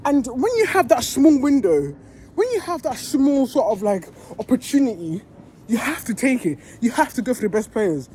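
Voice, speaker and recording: A woman's voice: fairly high pitch, sing-song, normal speed, darkish tone, slight background noise. Fired up woman ranting about her team, swearing a lot, voice jumping all over the place. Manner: heated, swearing, repeats herself. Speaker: football fan. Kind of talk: angry reaction rant.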